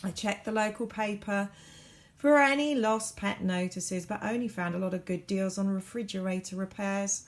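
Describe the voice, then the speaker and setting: At a medium pitch, a woman reads a children's storybook as a teacher might, her emphasis dramatic and varied and her pauses deliberate.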